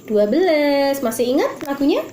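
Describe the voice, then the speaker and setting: A woman teaching Sunday school, telling a story to children in a lively way and asking them questions. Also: sits high, normal speed. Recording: echoey room with faint noise.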